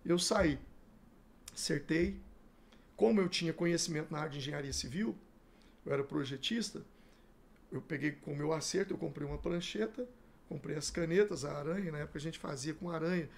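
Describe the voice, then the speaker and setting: Middle-aged man from Brazil, pastor in an interview; raised pitch, gravelly fry, acts out every exchange. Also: brisk, a little hiss or hum. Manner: animated storyteller acting out dialogue. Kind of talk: telling his life story in a podcast interview.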